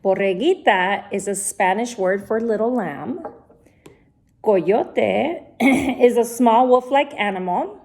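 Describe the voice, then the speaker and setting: Slow-reading woman teacher. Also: fairly high pitch, darkish tone. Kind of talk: read-aloud storytelling.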